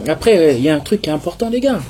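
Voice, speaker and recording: A man's voice: a little high, expressive, rapid-fire, warm tone, slight background noise. A man from Senegal in a panel discussion, speaking emphatically and assertively to make his points. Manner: emphatic, assertive, rises in force.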